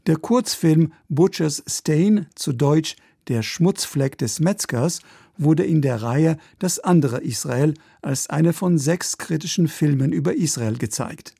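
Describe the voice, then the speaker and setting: A man narrating a scripted radio news report in a measured, even delivery. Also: fairly high pitch, gravelly, breathy edge, no echo, clean studio sound.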